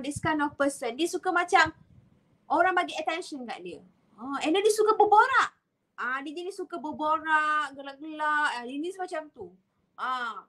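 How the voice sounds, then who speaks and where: Malaysian woman in her twenties, live-stream host, high bright voice, chatty, laughs a lot, mixes in English. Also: low-quality recording. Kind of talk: casual live-stream talk.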